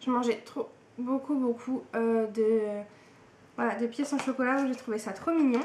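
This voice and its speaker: A woman's voice: fairly high pitch, steady tone, moderate pace, darkish tone. A young woman chatting casually through an unboxing, hesitant and full of fillers. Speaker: book and tea vlogger. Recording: echoey room with faint hiss.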